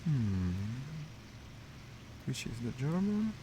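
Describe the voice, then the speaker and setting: This gaming streamer speaks slowly in a sing-song, medium-pitched voice. He keeps up a wry running commentary on his flight sim gameplay, much of it muttered half to himself, over noisy stream audio.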